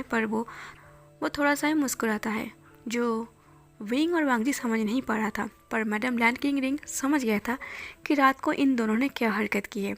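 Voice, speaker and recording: A woman narrating a fan fiction story in a soft, hushed reading voice, with faint music behind. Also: on the high side.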